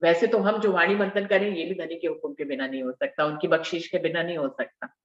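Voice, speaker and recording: A woman leading a devotional scripture discussion, explaining verses slowly and repeating key phrases for emphasis. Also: lowish voice, steady tone, reverberant, muffled recording. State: slightly unwell. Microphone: video call.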